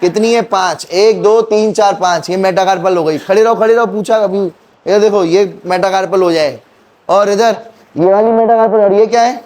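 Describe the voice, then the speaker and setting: At a moderate pace, a male teacher with a darkish voice that sits high runs a classroom anatomy lecture. Counting bones aloud, he quizzes the students with call-and-response questions.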